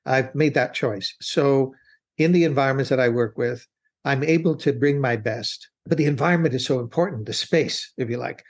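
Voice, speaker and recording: A business consultant guest in an interview conversation, this man has a medium-pitched voice and a moderate pace. He reflects earnestly, giving long, meandering answers and often starting sentences over.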